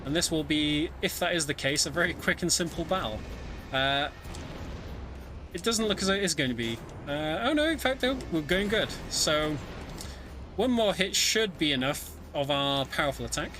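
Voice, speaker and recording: In a streamed online event, a speedrunner at home offers wry, chatty commentary on his run and explains the game's story as he goes. His voice sits on the high side, with lively intonation and a moderate pace, over game music and background noise.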